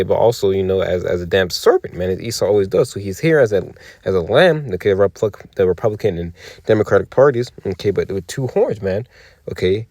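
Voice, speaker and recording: A man with a low, mellow voice gives a loose, tired commentary on scripture. He swears freely, drops "okay" and "man" into every phrase, and keeps asking rhetorical questions. The sound is dry and close. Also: no echo. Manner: profane, peppered with "okay" and "man". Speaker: religious commentator. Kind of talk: casual scripture and news commentary.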